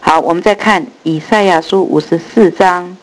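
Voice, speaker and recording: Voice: mid-range voice, moderate pace, background noise. A preacher giving an earnest Bible sermon, with slightly lisping, air-leaking speech from missing front dentures. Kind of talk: sermon and Bible teaching, with prayer and read-aloud scripture.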